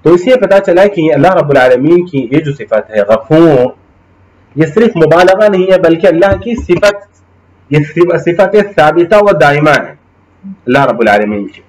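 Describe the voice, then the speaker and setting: Man, teacher, classroom lecture, somewhat high pitch, explains Arabic terms, recites verses. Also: expressive, normal speed, darkish tone, low-quality recording. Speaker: Islamic studies teacher.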